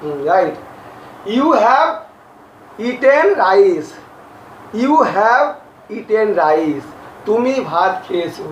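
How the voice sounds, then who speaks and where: A male English teacher, teaching grammar to a class slowly, repeating and spelling out each word. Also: sits high, big pitch swings, slight background noise. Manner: slow, repeats and spells out words. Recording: echoey, distant, dull lo-fi audio.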